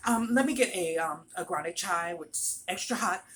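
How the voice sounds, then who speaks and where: A storyteller voicing a pushy, rushed woman customer who stammers and repeats herself in a hurry. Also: mid-range voice, fairly even intonation, sharp tone, lightly acted. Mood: frantic.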